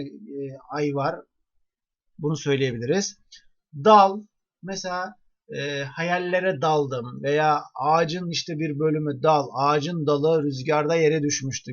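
Man teaching a lesson, lo-fi sound. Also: on the high side. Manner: explains step by step, asking the class rhetorical questions. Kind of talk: online grammar lesson. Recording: dull lo-fi recording.

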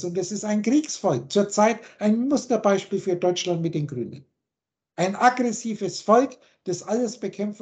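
Here a woman lectures over a video call about word roots, stringing word after word together with their meanings. Her voice is medium in pitch and mellow.

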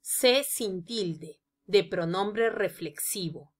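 A teacher with a mid-range voice narrates a scripted grammar lesson. She explains each example slowly and deliberately.

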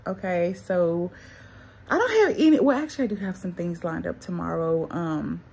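Young woman, casual vlogger, husky tone, retainers making her speech slightly muffled. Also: fairly low pitch, animated, normal speed, a little mellow. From North Carolina, USA. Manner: chatty, addresses viewers as y'all and girl. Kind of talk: casual vlog chat.

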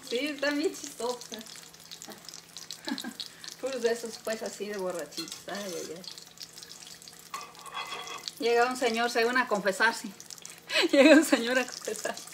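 A woman's voice: on the high side, takes it slowly, long pauses, noisy background. A Mexican woman chatting and joking with viewers while she cooks, laughing often and talking into a phone held close in her home kitchen. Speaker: cooking livestream host. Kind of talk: casual chat while cooking. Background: faint frying and sizzling.

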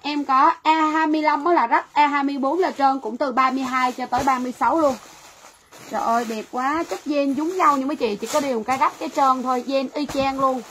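A woman's voice: high voice, steady tone, quick pace, a bit bright, low-quality recording. A woman running a livestream sale, talking chattily to viewers and repeating phrases, with faint noise behind her. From Vietnam. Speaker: livestream seller. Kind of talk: livestream sales pitch.

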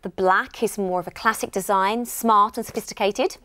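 A woman's voice: mid-range voice, fairly even intonation, normal speed, a bit bright, dry recording. A middle-aged British woman presenting on a shopping channel, giving an enthusiastic, explanatory scripted product demonstration in a studio. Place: TV studio lounge set.

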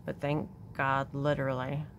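Low-voiced, earnest middle-aged woman. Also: little pitch movement, a little slow, slight background noise. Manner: earnest, reverent, soft-spoken. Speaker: devotional video host. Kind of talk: reading a prophecy aloud and discussing it.

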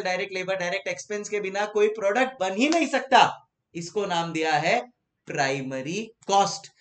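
A man's voice: sits high, a bit bright. A man with an Indian accent teaching a live online class, asking rhetorical questions and answering them himself and repeating key terms so students can note them down.

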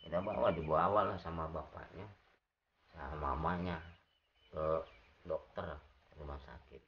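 A man's voice: very deep voice, steady tone, measured pace, muffled recording, a little hiss or hum. A man telling a comic folk tale in a playful, colloquial way. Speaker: storyteller.

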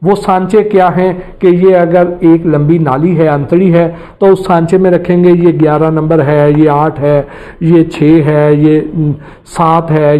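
An investigative reporter, a middle-aged man from Pakistan, sits at a studio desk and earnestly explains, step by step, what the footage shows. His voice is a little high and a little mellow, and the audio quality is poor.

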